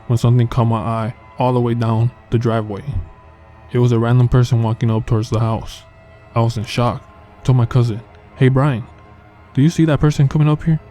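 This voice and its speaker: A man narrating true horror stories in a calm, even storytelling manner. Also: medium pitch, brisk. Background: faint background music.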